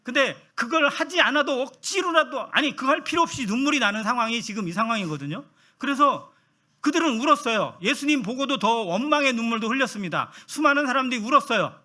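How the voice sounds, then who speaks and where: Preaching fast and expressively, this man has a bright, high voice with wide swings in pitch. He keeps throwing questions at the congregation and performs the voices of those he quotes.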